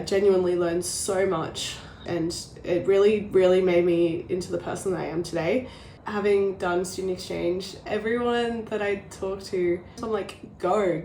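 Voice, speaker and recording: Woman, low-pitched and gushing, recorded in an echoey room. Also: a little mellow, a little hiss or hum. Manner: enthusiastic, gushing. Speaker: former exchange student. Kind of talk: casual interview answers.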